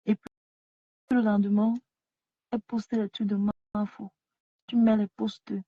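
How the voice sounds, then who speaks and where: A woman with a voice on the high side lies at home, livestreaming a repetitive scolding rant to her viewers into a phone she has set down. The recording is dry, with dull lo-fi phone audio.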